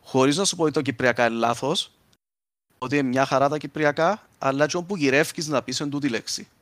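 A man's voice: medium pitch, a bit bright, no echo. Man with a Cypriot Greek accent, dry sound. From Cyprus. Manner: speaks in Cypriot dialect, switching to standard terms. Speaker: linguist speaker. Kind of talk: informal explanatory talk with examples.

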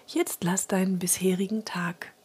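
A woman guiding a relaxation meditation in a soft, soothing spa-like whisper, breathy and husky. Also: lowish voice, steady tone, moderate pace. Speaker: relaxation exercise guide.

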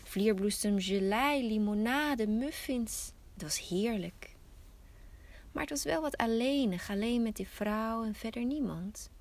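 A woman hosting a podcast, telling a fairy tale slowly and softly, often close to a whisper. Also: a little high, animated. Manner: slow, soft storytelling, often near a whisper. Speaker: podcast host and storyteller.

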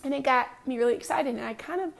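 Speaking quickly in a high, creaky voice, a woman in her thirties opens up on her own podcast. The talk is casual and personal, earnest and confessional, with plenty of ums.

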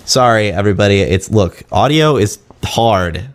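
Male streamer host, low animated voice, fussing over his mic. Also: normal speed. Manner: flustered, running audio tests. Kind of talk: casual chat with friends.

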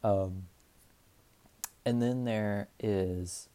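A man's voice: fairly low pitch, steady tone, very slow, mellow. A young man hosting a casual solo podcast, rambling and profane, cracking self-deprecating asides. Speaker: podcast host.

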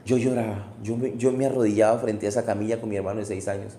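A man's voice: fairly low pitch, fairly even intonation, fast talker, warm tone, a little hiss or hum. A man in his thirties preaching a sermon with passion, repeating words and acting out scenes as a pastor. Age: 30s. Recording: echoey room.

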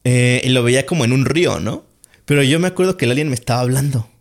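A man's voice: medium pitch, quick pace. Slangy Mexican man telling a story. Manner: rambling and slangy, full of fillers. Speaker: podcast guest. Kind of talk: casual storytelling chat.

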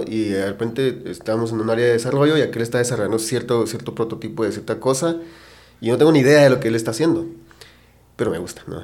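A man hosting a casual chat, animated and excitable when telling stories. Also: mid-range voice.

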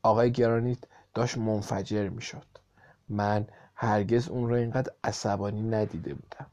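Low-voiced man reading a children's story. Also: level tone, darkish tone, no room sound, muffled recording. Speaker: audiobook reader. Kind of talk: storybook narration.

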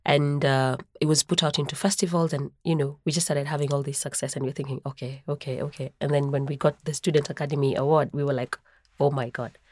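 A woman's voice: deep voice, level tone, fast, hardly any pauses, dry recording, studio quality. A young Kenyan woman in the film business, telling her story in an eager, exclaiming way. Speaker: film actor and producer. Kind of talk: casual interview.

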